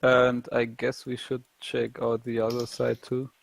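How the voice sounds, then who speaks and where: A man speaking slowly and hesitantly as a player in a tabletop game. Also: mid-range voice, monotone, gravelly, poor audio. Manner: slow, hesitant. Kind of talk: casual tabletop play.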